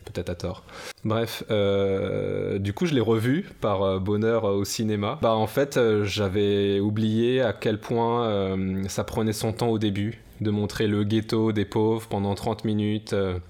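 A man's voice: fairly low pitch, fairly even intonation, a little slow, a little mellow. A man talking casually on a podcast, thoughtful and hesitant with many fillers. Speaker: podcast co-host. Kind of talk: casual discussion.

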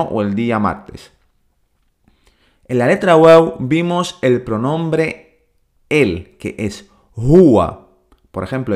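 A man gives a podcast lesson at an unhurried, deliberate pace. He speaks patiently and says each sound again and again so listeners can follow. His voice sits at an ordinary middle pitch. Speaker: Arabic teacher.

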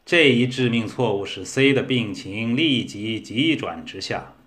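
A man reads a short story aloud in an even, measured way. His voice sits at a middling pitch, neither high nor low. He tells it steadily from start to end. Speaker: narrator. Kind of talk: storybook reading.

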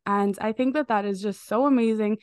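A young adult woman hosts a podcast interview, her mid-range voice a little nasal from a recent illness. She talks fairly quickly with warm enthusiasm and lots of fillers. The studio-quality recording has no echo.

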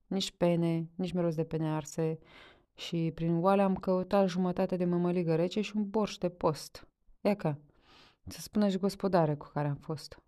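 A woman's voice: fairly low pitch, fairly even intonation, mellow, close to an everyday voice. A woman reading a story aloud voices a curt male deputy giving reports.

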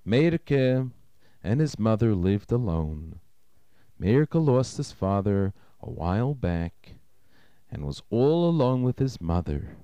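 A man who is a rabbi narrates a story in a slow, expressive, dramatic storytelling manner. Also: on the low side, smooth, no echo.

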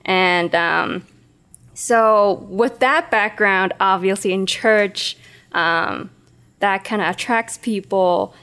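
Woman, smooth clear voice, reflective, hesitant storytelling. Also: medium pitch, slow, a bit bright. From Hong Kong. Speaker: podcast co-host. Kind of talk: casual podcast storytelling.

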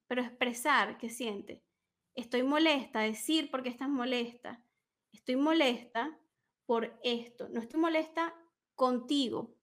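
A woman coach talking in an interview, explaining ideas patiently and acting out little examples of what a parent might say. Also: high-pitched. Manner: warm, explanatory, acts out examples. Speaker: emotional wellness coach. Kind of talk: conversational interview.

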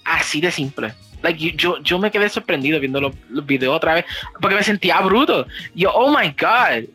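A man's voice: fairly high pitch, animated, brisk, pushed and bright, slightly rough, faint music behind. A man chatting casually about video games, constantly mixing English phrases into his Spanish and swearing freely.

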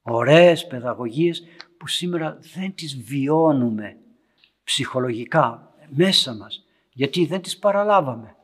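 A man's voice: medium pitch, lively intonation. A man, an Orthodox priest, giving a storytelling homily to young parents in a church meeting room, his voice swelling and then dropping to near whispers.

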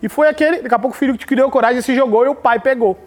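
A man's voice: extremely high pitch, racing. A man teaching in a devotional podcast, emphatic and telling stories while acting out the people he quotes.

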